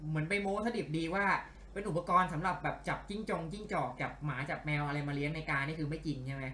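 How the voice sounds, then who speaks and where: A man giving casual let's-play commentary, animated and grumbling and cursing at the game as he plays. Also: on the high side, quick pace, reverberant, slight background noise. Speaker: game streamer.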